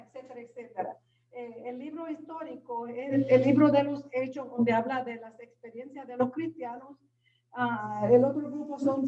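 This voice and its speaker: A woman's voice: high-pitched, warm tone. A woman teaching a baptism class in an earnest, exhorting way, switching between Spanish and English, recorded from a distance with a dull sound. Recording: distant, roomy, dull sound with faint noise.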